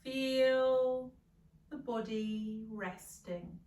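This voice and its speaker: Speaking very slowly in a voice that sits high, a female yoga nidra guide leads listeners through meditation. Long pauses separate her soothing, gentle cues. The sound is roomy and reverberant, picked up from a distance.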